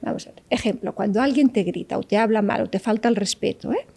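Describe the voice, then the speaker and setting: Gravelly-voiced psychologist woman. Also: a little high, quick pace, a little mellow. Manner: didactic, keeps checking with "¿vale?". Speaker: psychologist guest. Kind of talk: explanatory interview talk.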